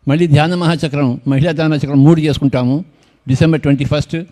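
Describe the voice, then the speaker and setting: A man's voice: on the high side, fairly even intonation, fast talker, dark tone. An older man, leading a meditation gathering and speaking informally, with joking, teasing asides to people in the crowd. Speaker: meditation movement leader.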